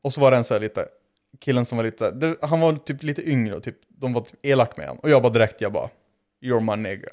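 A man's voice: mid-range voice, animated, darkish tone. A young man in his twenties telling a rambling party story in casual chat, acting out quotes and laughing as he goes.

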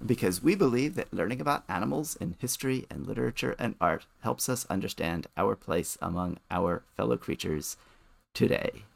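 A man's voice: lowish voice, animated, normal speed, creaky, no echo. A man co-hosting a podcast, talking things through thoughtfully and often restarting his sentences. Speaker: podcast co-host. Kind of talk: casual chat.

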